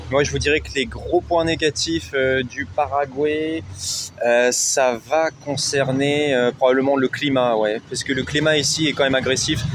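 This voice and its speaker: A man's voice: medium pitch, fairly bright tone. A man conducting a casual interview as the host, speaking hesitantly and repeating himself. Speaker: interviewer, YouTuber helping expatriates. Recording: outdoor recording with faint street noise.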